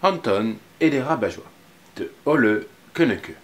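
A man's voice: medium pitch, lively intonation, unhurried, echoey room. A man presenting and reading a picture book aloud, casual and hesitant with many fillers.

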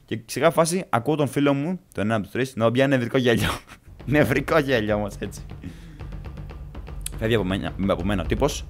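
A man vlogger telling a story from his childhood in a casual, animated way, swearing and acting out scenes. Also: mid-range voice, soft background music. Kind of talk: story time vlog.

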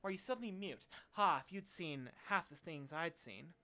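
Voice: mid-range voice, expressive, moderate pace, sharp tone. A streamer reading as a bitter, despairing recluse. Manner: bitter, weary ranting. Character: bitter despairing man locked in his tower.

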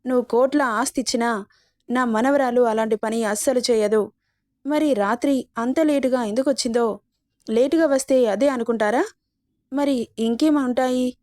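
A loving, protective old grandmother speaks in a soothing, consoling way, as a woman reads her part. The storybook voice is somewhat high and sounds dry and close. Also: normal speed, darkish tone, no echo, natural voice. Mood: indignant.

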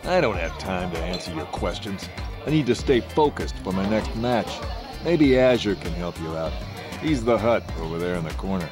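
A man's voice: sits low, lively intonation, normal speed, over music. A man playing a focused, curt professional duelist in a video game. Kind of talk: video game character acting.

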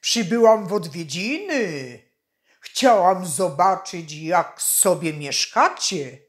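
Cackling raspy old witch, as a woman reads her. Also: lively intonation, slow. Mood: gloating. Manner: loud, cackling, shrill. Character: old scheming female witch, cackling and hostile.

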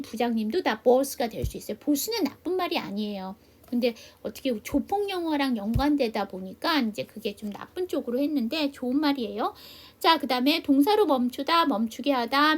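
A middle-aged woman teaches a beginner English class. Her voice sits a little high, and she explains patiently, slowing down to spell out each letter. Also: a bit bright. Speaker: English teacher at a seniors' welfare center. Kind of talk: classroom lesson.

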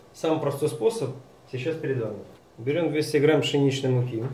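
A man's voice: mid-range voice, a little mellow. Echoey Odesa-accented man narrating a recipe. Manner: folksy, chatty, addresses viewers directly. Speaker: cooking show host. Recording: roomy echo.

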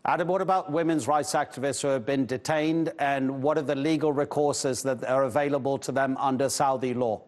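A male news anchor speaks from a large television studio. He puts brisk, leading questions to a guest. His voice sits at an ordinary middle pitch. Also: steady tone, a little mellow.

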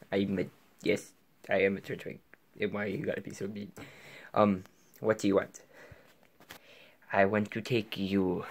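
Speaking on the low side with a fairly bright tone, a young man acts out an improvised skit with several plush toys. He plays them on his bedroom floor and desk indoors, and often slips into a whisper.

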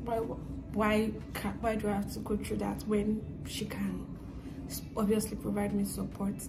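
A woman's voice: mid-range voice, completely flat delivery, a little slow, gravelly. A woman in her twenties chatting straight to her viewers in a casual vlog, telling them about her day. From not from Canada, studying there. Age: 20s. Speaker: vlogger. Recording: noisy with crowd chatter.

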